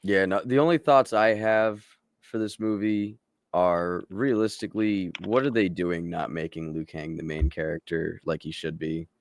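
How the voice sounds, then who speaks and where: A man's voice: sits low, steady tone, normal speed, no room sound. A man co-hosting a casual live show, ranting animatedly and swearing freely. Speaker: podcast co-host. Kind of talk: casual chat.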